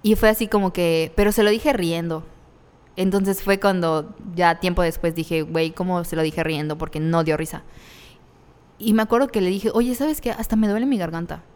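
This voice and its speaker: A young woman with a Mexican accent tells her story in candid, slangy chat, laughing now and then. Her voice is smooth and resonant, and a long reverb rings around it. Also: lowish voice, moderate pace, a little mellow. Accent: Mexican Spanish. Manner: candid, laughs through hard memories, slangy. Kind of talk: casual conversational storytelling.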